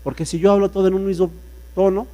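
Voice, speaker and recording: In a workshop room before an audience, a playful man teaches public speaking in a lively lecture. His voice is dark, his delivery flat and fast, and he jokes around while swinging his pitch and volume to demonstrate techniques.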